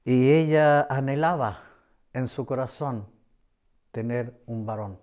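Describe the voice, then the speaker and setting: A middle-aged man with a Chilean accent shares a personal religious testimony in an earnest, repetitive way. His voice is warm and mellow, smooth and clear. He often pauses on hesitant fillers between phrases. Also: mid-range voice. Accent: Chilean Spanish. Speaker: church member giving testimony.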